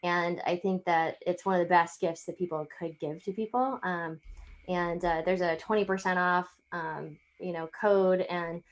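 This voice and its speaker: A woman's voice: fairly low pitch, steady tone, normal speed, lo-fi sound. A woman hosting an interview, talking in a rambling way with lots of fillers as she sets up her questions. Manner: rambling, many fillers like "um" and "you know". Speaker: podcast host. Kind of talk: interview conversation.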